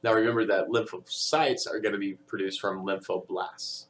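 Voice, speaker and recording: Gravelly low-voiced man lecturing. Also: fairly even intonation, normal speed. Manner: conversational, many fillers and tag questions. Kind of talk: recorded audio lecture.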